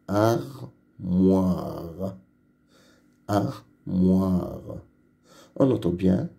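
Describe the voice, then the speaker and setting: A man leads a phonics lesson for young children, saying each word slowly and twice over. His voice is low, dark and gravelly, and he speaks at a very unhurried pace. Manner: repeats each word slowly and clearly, patient. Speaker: reading teacher.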